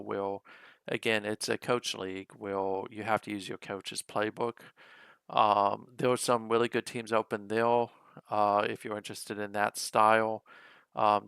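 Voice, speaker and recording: A man with a hoarse, gravelly voice from being ill, hosting a casual recap of a simulated football league and talking loosely with frequent hesitations. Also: fairly low pitch, a bit bright, no echo.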